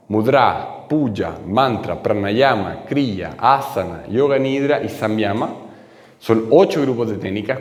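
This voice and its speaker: Male teacher, patient explainer, echoey hall, mid pitch. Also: a little mellow. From Chile. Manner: patient, often checks with "¿cierto?" and "¿ya?". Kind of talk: explanatory lesson.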